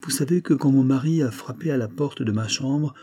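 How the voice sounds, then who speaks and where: A man's voice: medium pitch, a little fast, warm tone, slightly rough, dry recording, natural voice. A man reading as an anguished married lover. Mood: anguished pleading. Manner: impassioned, pleading, tremulous. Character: guilt-torn married woman, anguished older lover.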